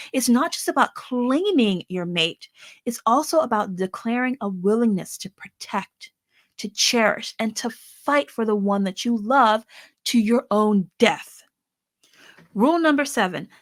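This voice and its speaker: A woman's voice: mid-range voice, fairly bright tone, no echo. Dry close-miked woman podcaster. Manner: earnest, lightly laughing asides. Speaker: podcast host and author. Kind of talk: instructional podcast talk to writers.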